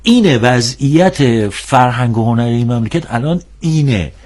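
A man speaking as a guest on a televised discussion show, earnest and critical, pausing often with drawn-out filler sounds. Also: mid-range voice, lively intonation, darkish tone. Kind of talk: TV panel discussion.

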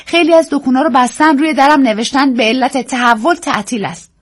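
A woman reading a story, voicing a frightened young woman with high, urgent, anxious lines. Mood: anxious, excited.

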